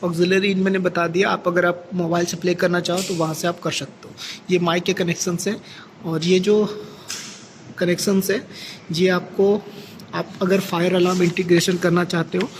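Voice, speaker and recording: A technician with an Indian accent gives a hands-on, step-by-step equipment tutorial, often tacking on a short check-in tag. His high voice has a level tone at a moderate pace, and the amateur recording is clearly noisy with ambient sound.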